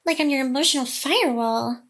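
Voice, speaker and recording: In an intimate, one-sided scripted ASMR roleplay, a woman plays a high-voiced AI hacker girl who is playful and teasing, yet secretly smitten and protective. Her fairly bright voice moves a little fast, full of teasing and feigned indignation. Mock-aloof and sighing, she addresses the listener directly.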